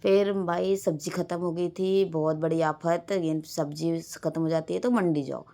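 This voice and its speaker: Speaking at a moderate pace in a low, steady, dark-toned voice, a woman vlogs about her home life. She is a mother who rambles through everyday stories and quotes her children as she goes.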